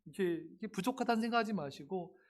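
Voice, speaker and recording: A man preaching a sermon with a notably high-pitched voice. He speaks straight to his listeners, animated and expressive, and slips into playful acted-out remarks to drive his points home. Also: quick pace. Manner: addresses the congregation directly and often; animated, acts out everyday quotes with humor. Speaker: pastor.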